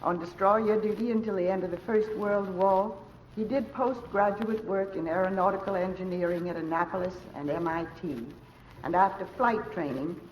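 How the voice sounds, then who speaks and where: A woman as mistress of ceremonies, giving a formal, measured speech introducing a speaker at a luncheon, heard on an old broadcast transcription disc. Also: lowish voice, a little hiss or hum. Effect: old broadcast transcription disc sound. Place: large hotel ballroom. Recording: dull lo-fi old transcription disc, echoey ballroom.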